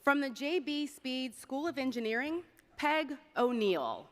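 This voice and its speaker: A higher-pitched female voice rings through a large, reverberant hall. She speaks as a ceremony host at a podium, with formal, scripted announcer delivery. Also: lively intonation, unhurried, background noise. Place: large event hall on stage.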